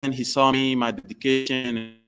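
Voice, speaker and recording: A man's voice: medium pitch, flat delivery, normal speed, a bit bright, clean tone. A young man from Benin with a Beninese accent, telling his story casually in an interview, in informal non-native English. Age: young adult. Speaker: basketball recruit being interviewed.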